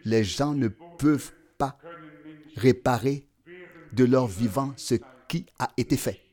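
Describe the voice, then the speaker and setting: A man preaching a sermon, emphatic, with a sing-song cadence that swings between loud declarations and hushed asides. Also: mid-range voice, slow.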